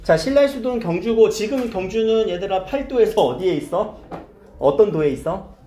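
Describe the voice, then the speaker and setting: A man teaches a class in a fairly high voice that swings widely up and down. He keeps firing questions at his students and nudging them toward the answers. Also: lively intonation, normal speed, warm tone. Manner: asks students questions and coaxes answers, repeats key terms. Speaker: high school Korean teacher. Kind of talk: classroom grammar lesson.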